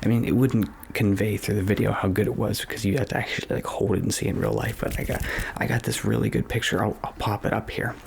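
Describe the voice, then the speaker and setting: Man, hushed ASMR ramble, often whispering, crackly fry, informal, close mic, clearly noisy background. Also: fairly low pitch, flat delivery, quick pace. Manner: informal, rambling, thinking aloud. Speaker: ASMR video creator. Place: small home studio bedroom with acoustic panels. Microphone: stereo XLR microphone, close up. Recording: clear background noise, clicks.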